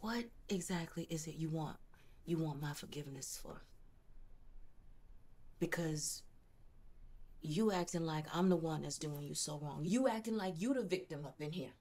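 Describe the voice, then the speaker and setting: A woman's voice: low voice, moderate pace, long pauses, warm tone, close to an everyday voice. An actress playing a bitter, grieving mother in a film drama, intense and profane, repeating phrases for emphasis. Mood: seething, contemptuous. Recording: music behind the voice.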